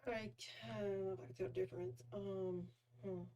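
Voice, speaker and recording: A woman's voice: mid-range voice, fairly even intonation, unhurried, mellow. Woman musing through a livestream. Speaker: streamer. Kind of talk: casual live gameplay commentary. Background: game music.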